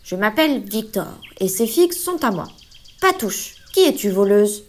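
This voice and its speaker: A woman's voice: medium pitch, very animated, normal speed, lightly acted. A woman voicing a selfish male raccoon in a children's storybook reading, curt and bossy. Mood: possessive. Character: selfish male raccoon, possessive, later softening.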